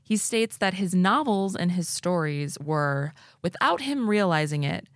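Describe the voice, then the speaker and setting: Low-voiced woman podcasting from an attic. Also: lively intonation, measured pace, dry recording, studio quality. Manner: informal, swearing. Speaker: podcast co-host. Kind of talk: casual conversational storytelling. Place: attic, home podcast recording.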